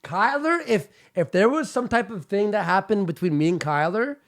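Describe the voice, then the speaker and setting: A man's voice: sits high, animated. Male podcast host firing rambling questions. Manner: quick, stumbling questions with restarts. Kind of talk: casual chat.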